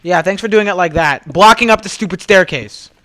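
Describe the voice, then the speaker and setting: A young man in casual gaming voice chat, bossy and swearing, often shouting at his teammates. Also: high voice, fairly quick. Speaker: gamer.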